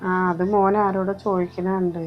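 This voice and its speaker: A worried mother , played by a woman with a Malappuram Malayalam accent, coaxes and scolds her grown son, circling back to the same points again and again. Her voice sits at a middle pitch. The recording is slightly dull and lo-fi, with faint music underneath. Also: level tone, normal speed, close to an everyday voice. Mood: scolding. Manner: pleading, scolding, repetitive. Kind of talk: amateur family short film acting.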